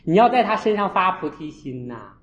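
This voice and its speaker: A man, a Buddhist monk, giving a storytelling dharma talk and acting out his own scolding with sharp jumps in voice. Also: high-pitched, sing-song, a little fast. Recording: echoey, dull lo-fi room.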